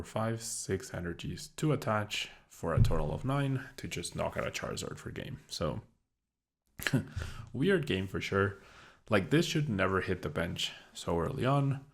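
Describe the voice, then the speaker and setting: A young man casually commentating his own card game as he plays, thinking aloud with a dry, sarcastic streak. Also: gravelly. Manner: low-key, dryly sarcastic, thinking aloud. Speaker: gameplay commentator.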